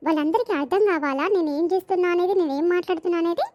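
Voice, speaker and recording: A woman's voice: very high voice, racing, a little mellow. A woman voicing a jealous, scheming young woman, with a complaining, resentful tone. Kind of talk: animated village comedy voicing.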